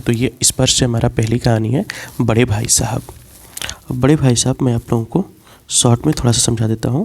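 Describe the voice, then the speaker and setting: A man's voice: medium pitch, vocal fry, a little mellow. A man teaching a class as a lecture, explaining step by step and repeating key points. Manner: explains slowly, repeats key points, mixes in English words.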